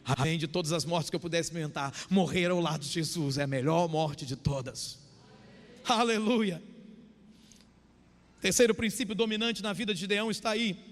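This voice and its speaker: High-voiced pastor preaching in a reverberant church. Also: male voice, normal speed. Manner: acts out biblical dialogue in changing voices. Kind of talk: sermon.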